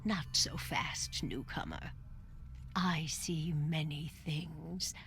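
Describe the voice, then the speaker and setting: An actress playing a mysterious fortune teller in a game, speaking cryptically and deliberately in a creaky, partly breathy voice. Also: female voice, low-pitched, animated, fairly bright tone, soft background music, full character voice. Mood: mysterious, beckoning. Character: mysterious fortune-teller woman, knowing and bargaining.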